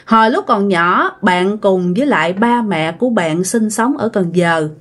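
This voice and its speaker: A woman's voice: medium pitch, lively intonation, a little slow, a bit bright. A woman telling a ghost story in a chatty, folksy way. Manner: chatty, folksy, acts out quoted voices. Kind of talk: casual ghost story narration.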